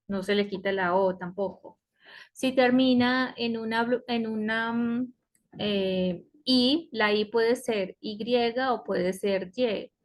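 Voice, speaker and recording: A woman teaching an online English class, explaining slowly and patiently and often checking in with her students. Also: mid-range voice. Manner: slow, patient explaining with frequent checks like "¿cierto?". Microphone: computer mic on a web conference.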